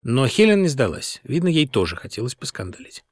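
A man narrates a novel in a quick, expressive storytelling voice with an ironic edge. His pitch sits fairly high and moves a great deal. The recording is close and dry. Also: no echo. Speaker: audiobook reader. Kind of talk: scripted narration.

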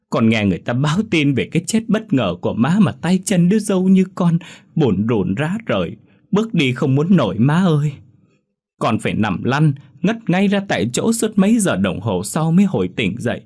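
A man's voice: darkish tone, slightly rough. A man voicing a middle-aged daughter-in-law who wails theatrically at a funeral, putting on grief. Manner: theatrical shrill wailing.

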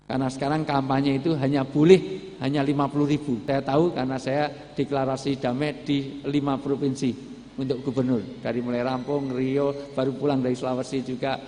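A man giving a humorous religious lecture, joking and acting out scenes. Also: mid-range voice. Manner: lively, jokey, mixes in Javanese, acts out scenes. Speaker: preacher. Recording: long hall reverb.

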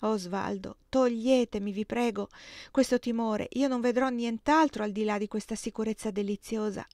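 A woman's voice: on the high side, fairly even intonation, normal speed, a little mellow, dry recording, clean studio sound, natural voice. A woman voicing a passionate young woman who pleads emotionally with her lover. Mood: tender.

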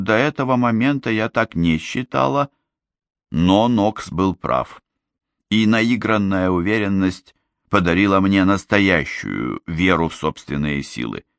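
Low male narrator, even reading, dry close sound. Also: no room sound. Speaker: audiobook narrator. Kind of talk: scripted narration.

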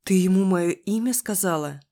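Brief: reader putting on feisty young woman student, loud and snappy, audiobook character. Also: lowish voice, moderate pace, close to an everyday voice. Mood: indignant.

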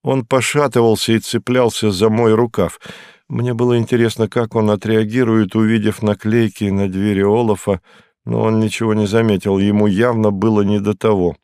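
A man narrating a detective novel in the first person, in a calm, measured reading. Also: on the low side, smooth, no echo, clean studio sound. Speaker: audiobook narrator.

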